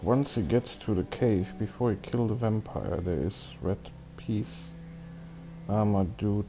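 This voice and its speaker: During a rambling game stream, a man talks casually with his viewers, frequently pausing to think aloud. His fairly low voice is unhurried, against a noisy background.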